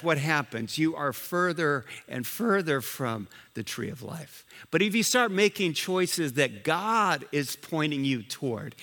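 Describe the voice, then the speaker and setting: Male pastor, grew up in Liberia, bright forceful sermon voice, lively and chatty, long church-hall reverb. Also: on the high side. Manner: animated preaching with restarts and asides.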